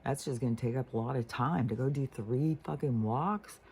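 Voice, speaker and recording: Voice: mid-range voice, moderate pace, darkish tone, slight background noise. A vlogger telling a story in a casual, profane, rambling way while venting.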